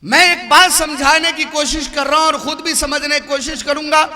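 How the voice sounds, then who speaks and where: A male preacher delivers an animated sermon and keeps asking the crowd questions. His voice is very high and intensely bright and cutting. A long reverb trails behind every line. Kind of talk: sermon with humorous story.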